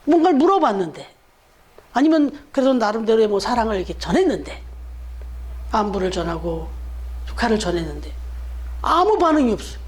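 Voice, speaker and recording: A pastor preaching a Sunday sermon in church, talking conversationally and putting rhetorical questions to the congregation. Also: male voice, high voice, very animated, brisk, pauses often.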